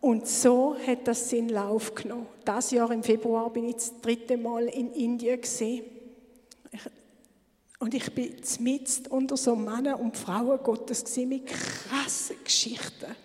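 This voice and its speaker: A woman speaks fervently in a church testimony, her voice sitting a little high. She sometimes drops to a hushed whisper for emphasis. Her words ring out with a long reverb through a hall. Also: flat delivery, measured pace.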